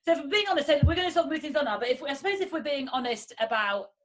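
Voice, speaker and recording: A woman in her thirties hosting a podcast, chatty and encouraging, with a voice she herself calls deep. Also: lively intonation. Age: 30s. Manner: chatty and encouraging, quick with fillers like "like" and "um". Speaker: podcast host. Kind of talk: casual chat.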